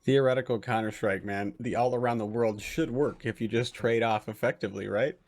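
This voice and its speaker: A man giving live play-by-play commentary on an esports match and joking with his co-caster. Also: mid-range voice. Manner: quick excitable play-by-play, jokes with co-caster.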